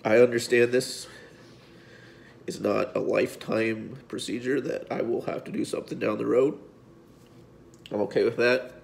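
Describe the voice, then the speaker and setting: A man, a physique coach giving a heartfelt personal video update, halting and fighting back tears. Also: medium pitch, steady tone, creaky, a little hiss or hum. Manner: halting, repeats words, speaks from the heart. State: tearful, voice breaking at times.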